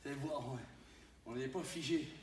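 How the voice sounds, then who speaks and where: A man teaching karate live to his class, animated, often tagging his sentences with "hein?" and sudden exclamations. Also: mid-range voice, moderate pace. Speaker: karate instructor. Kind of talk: live dojo teaching demonstration. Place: large echoey training hall. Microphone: distant camera mic. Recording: echoey hall from far off, noisy.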